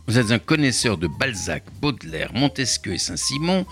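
A man hosting a radio interview, introducing his guest in a measured, ceremonious way. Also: medium pitch, big pitch swings, a bit bright, soft background music. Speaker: radio host.

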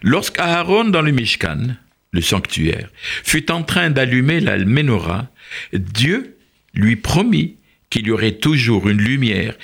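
A storyteller voicing a venerable older male rabbi who speaks slowly and solemnly to comfort his fellow prisoners in a storybook tale. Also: medium pitch, vocal fry, slightly rough, voice pushed down, full character voice. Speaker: rabbi in a camp. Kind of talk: storybook read-aloud.

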